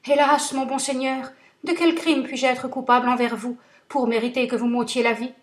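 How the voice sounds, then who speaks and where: A woman's voice: a little high, expressive, moderate pace, distant mic, pitched above the performer's own voice, lightly acted. A woman voicing a frightened male merchant who pleads for his life in a trembling, raised voice. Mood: pleading.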